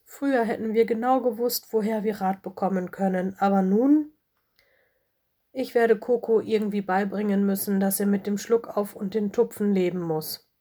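Woman reading as a gentle fox headmistress, mellow and husky, storybook. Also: mid-range voice, normal speed, natural voice. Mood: worried. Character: fox headmistress, kind and caring.

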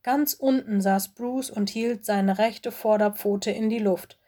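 A woman reads a children's story aloud with clear, expressive delivery. Her voice sits at a medium pitch. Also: slow pace. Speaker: audiobook narrator.

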